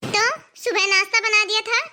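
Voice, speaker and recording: A woman voicing a nagging, fussy elderly mother-in-law in an animated family comedy, scolding and exasperated. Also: very high-pitched, moderate pace, background noise. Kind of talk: cartoon voice acting.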